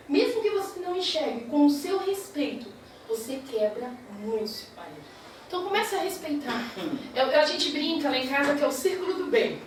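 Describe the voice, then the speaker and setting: A woman preaching to a congregation, earnestly urging her listeners. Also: high voice. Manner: earnest, exhorting. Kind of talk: sermon to a congregation. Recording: echoey hall, distant mic, noisy.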